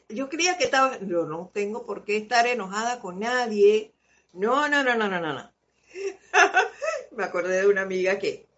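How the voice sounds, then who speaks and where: A woman's voice: mid-range voice, a bit bright, dull audio. A woman hosting a live spiritual talk, telling stories from her life and often laughing as she teaches. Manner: slow, storytelling, laughs often. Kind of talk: informal spiritual talk with anecdotes.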